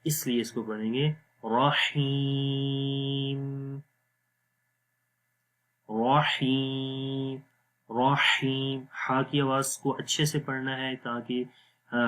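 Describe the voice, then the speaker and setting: Guy teaching quran reading, explains letter by letter then recites real slow, mid pitch. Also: steady tone, fairly bright tone.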